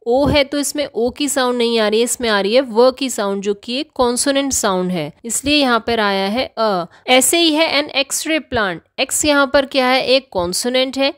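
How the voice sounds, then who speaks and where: A woman with a slightly high voice narrates a grammar lesson in a measured, scripted way. She slows down deliberately on each English example sentence. The recording is close and dry, with no room echo.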